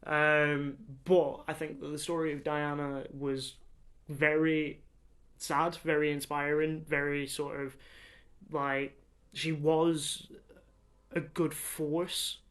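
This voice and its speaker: A young man co-hosting a casual podcast, his voice sitting a little high for a man. He talks slowly and enthusiastically, rambling with plenty of ums and likes. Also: little pitch movement, fairly bright tone. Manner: enthusiastic, rambling with many fillers. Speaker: podcast co-host. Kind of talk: casual chat.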